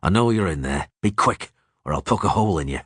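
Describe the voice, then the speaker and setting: A man's voice: sits low, lively intonation, fast talker, fairly bright tone, husky, no echo, studio quality, exaggerated voice. A man voicing a hardened male monster hunter who talks in terse, clipped commands. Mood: stern.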